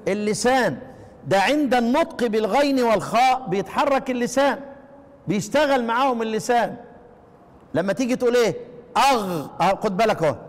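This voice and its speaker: A man with an Egyptian accent teaching a lesson on Quranic readings, asking rhetorical questions and slowly chanting the example phrases. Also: very high voice, lively intonation, in a large hall. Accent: Egyptian Arabic. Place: class with students.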